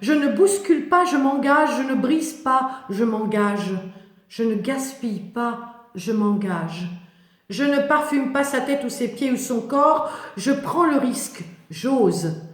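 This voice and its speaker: A woman's voice: a little high, animated, slow. Woman performing defiant, devoted biblical outcast woman, echoey. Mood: fervent. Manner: solemn, emphatic, declamatory. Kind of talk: dramatic biblical monologue. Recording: echoey, reverberant room.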